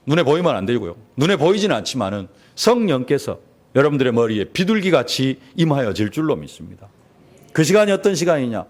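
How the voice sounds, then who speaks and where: Male pastor, fairly high voice with big swings, emphatic sermon delivery. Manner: emphatic preaching with rising peaks and drops, blessing formulas, rhetorical questions. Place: church sanctuary.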